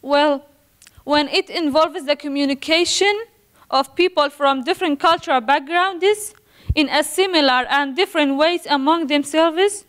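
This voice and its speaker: A young adult woman from Iraq delivers a prepared academic presentation for class, her voice sitting high with a fairly bright tone. She reads carefully yet nervously, halting and stumbling over words.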